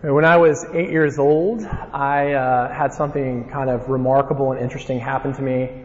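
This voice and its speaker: A man's voice: medium pitch, steady tone, normal speed, a little hiss or hum. A man with an Alabama Southern accent preaching in an informal, folksy way, moving between scripture and personal storytelling. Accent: Alabama Southern American. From Alabama, United States. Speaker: conference preacher. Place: large reverberant room, live talk. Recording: dull sound in a reverberant hall.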